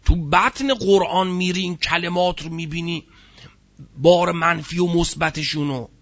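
A man's voice: fairly high pitch, fairly bright tone, highs cut off. A man giving a religious lecture on Quranic word meanings, explaining each term and asking his listeners rhetorical questions. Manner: explanatory, asks rhetorical questions, stresses key words. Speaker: Quran teacher.

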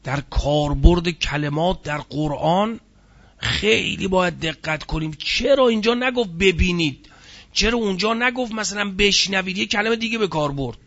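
A man's voice: sits high, a bit bright, dull audio. A man giving a religious lecture on Quranic word meanings, explaining each term and asking his listeners rhetorical questions. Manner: explanatory, asks rhetorical questions, stresses key words. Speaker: Quran teacher.

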